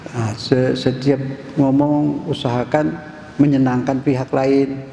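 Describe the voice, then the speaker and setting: Man preaching in a mosque, gravelly voice, quizzes the crowd, long hall reverb. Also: mid-range voice, flat delivery, takes it slowly, mellow. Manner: asks the audience questions, repeats key words. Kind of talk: casual mosque sermon. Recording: echoey mosque hall, faint noise.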